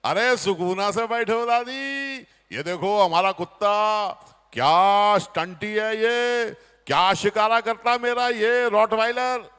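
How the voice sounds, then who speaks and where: A man voicing a boastful young man who shows off his dog, in a put-on Hyderabadi accent with a slow, drawn-out delivery. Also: sits high, fairly bright tone, clean tone, voice pushed up. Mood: bragging. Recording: long reverb of a community hall.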